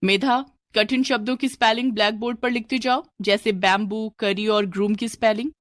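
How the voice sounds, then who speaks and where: A woman's voice: fairly high pitch, fairly even intonation, moderate pace, no echo, studio quality, lightly acted. A woman voicing a strict female schoolteacher who scolds her class sharply. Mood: stern.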